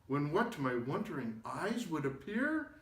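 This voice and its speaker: A man's voice: on the high side, big pitch swings, moderate pace, fairly bright tone. A man playing a jolly old Santa Claus, reading storybook verse aloud in a merry, theatrical way. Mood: storytelling wonder. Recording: echoey room.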